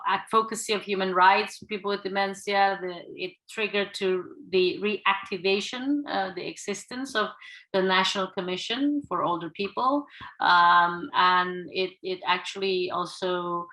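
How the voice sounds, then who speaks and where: Bright-voiced woman lecturing, halting. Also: mid-range voice, steady tone, poor audio. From Indonesia. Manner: halting, many fillers. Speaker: conference speaker. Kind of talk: conference lecture.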